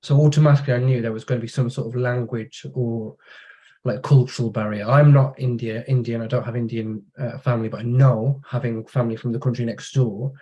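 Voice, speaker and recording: A man with a mellow, warm voice talks in a relaxed way on a podcast. He tells long stories from his working life and briefly acts out the voices of the people in them. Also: medium pitch, fairly quick, dull audio. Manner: relaxed storytelling, acts out quoted dialogue. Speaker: podcast guest. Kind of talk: casual conversation.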